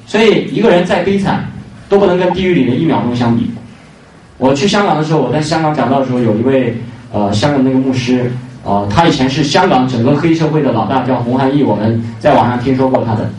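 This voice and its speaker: A man's voice: mid-range voice, fast, a little mellow. A man delivers an evangelistic sermon, leaning hard on his points and repeating key lines. His voice rings through a reverberant church hall, picked up from some distance away, with faint noise underneath. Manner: emphatic, repeats key phrases, fillers between points. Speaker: preacher.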